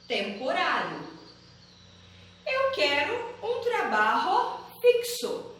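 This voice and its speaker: A woman leads a video language lesson in a high, lively voice. She speaks very slowly and drills each word three times. The voice comes from a distance in a strongly echoing room. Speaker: Spanish teacher. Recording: very echoey room, voice from far off.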